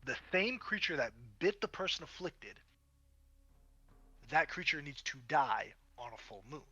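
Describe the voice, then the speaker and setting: Male game master for tabletop fantasy narration; crisp bright tone, dramatic emphasis. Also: fairly high pitch, big pitch swings, measured pace, dry recording, dull audio.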